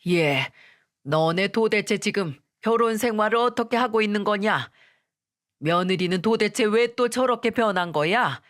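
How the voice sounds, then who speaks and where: A woman's voice: mid-range voice, animated, measured pace, lightly acted. A woman voicing a stern middle-aged father who lectures his family bluntly, in a scripted story reading.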